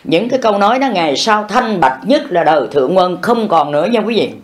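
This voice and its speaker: A man's voice: high-pitched, expressive, fairly quick. An older man giving an improvised Buddhist dharma talk, folksy and scolding, acting out bits of everyday dialogue. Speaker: Buddhist monk teacher.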